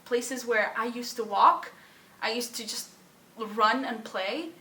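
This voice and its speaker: A young woman from Syria shares a personal account in a bright, somewhat high voice. She speaks haltingly and emotionally, with pauses and sighs. The recording sounds roomy and a little distant from the mic. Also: fairly even intonation. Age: young adult. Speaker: student sharing her story. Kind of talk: personal testimony.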